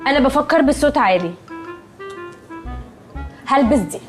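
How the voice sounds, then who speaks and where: An actress in a TV comedy plays a snooty, snappish young woman, speaking in a high, animated voice at a moderate pace over soft background music. Her sitcom character has an Egyptian Arabic accent and a curt, haughty manner, dropping English words into her lines.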